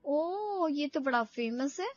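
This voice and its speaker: A woman's voice: sits high, lively intonation, takes it slowly, no echo, highs cut off. A woman voicing a teasing young sister-in-law in a cartoon story, cheeky and complaining. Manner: teasing, complains to her mother, calls the bride "bhabhi". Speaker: cartoon character.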